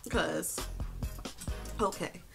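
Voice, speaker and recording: A young woman shares a casual life update on her vlog, talking chattily with lots of "like"s and fillers, sometimes tearfully. Her voice is lowish, gravelly and a bit bright, and she speaks very slowly. Soft music plays in the background.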